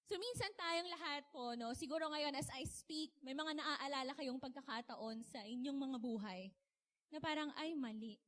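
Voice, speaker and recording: High-voiced chatty woman preaching. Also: normal speed. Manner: chatty, animated, laughs often, asks the audience. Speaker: speaker. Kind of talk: casual sermon talk.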